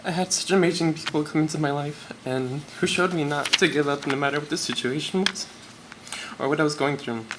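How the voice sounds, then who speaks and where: Reading nervously from his notes, a teenage boy gives a tearful, prepared speech accepting a student award. He speaks a little high and fairly quickly, captured in a noisy recording of the live event.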